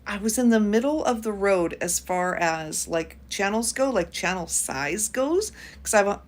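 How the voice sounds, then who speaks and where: A chatty woman in her fifties from the United States, hosting a relaxed livestream from home. Her voice swings widely in pitch as she talks straight to viewers and answers their comments. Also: a little slow. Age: 50s. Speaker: YouTube host. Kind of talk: casual livestream chat.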